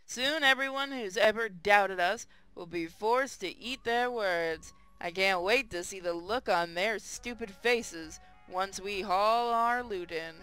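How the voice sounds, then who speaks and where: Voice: mid-range voice, slow, hardly any pauses, pushed and bright, clear, resonant tone, soft background music, low-quality recording. A man voicing a boastful, gleeful young female pirate captain, reading a visual novel with theatrical, triumphant declaiming. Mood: gloating. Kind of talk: hobby visual novel read-aloud.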